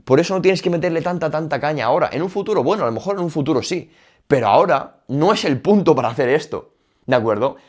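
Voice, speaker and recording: A man's voice: a little high, expressive, fast talker. A young man with a Spain Spanish accent giving casual, emphatic training advice, repeating his points directly. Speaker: fitness youtuber. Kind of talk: casual gym advice talk.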